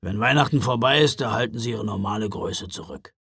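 A man voicing Knecht Ruprecht, a gruff, impatient old Christmas helper with a gravelly, curt growl, in a storybook reading. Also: fairly low pitch, fairly quick, a bit bright, no room sound, studio quality, voice pushed down, heavily acted. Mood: weary explaining. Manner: curt, irritated, snapping.

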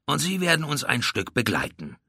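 A man's voice: medium pitch, wildly swooping pitch, normal speed, bright, forceful tone, slightly rough, no echo, studio quality, pitched above the performer's own voice, full character voice. A man voicing a bold, self-assured male pirate captain who barks orders, in a storybook reading. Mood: cool, assured.

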